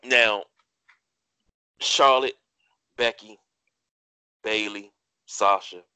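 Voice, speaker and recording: A man with a hoarse, parched voice, chatting casually and haltingly about sports as a podcast co-host. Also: on the low side, pushed and bright, dry recording. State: hoarse, parched throat after a day of yelling.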